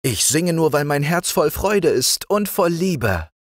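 A man's voice: a little high, sing-song, measured pace, no echo, clean studio sound, voice pushed up. A man voicing a sweet, chirpy nightingale princess in a storybook reading. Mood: joyful. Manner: light, chirpy.

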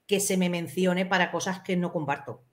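A woman's voice: on the low side, steady tone, moderate pace. Firm-spoken woman on a call. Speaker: guest on live chat show.

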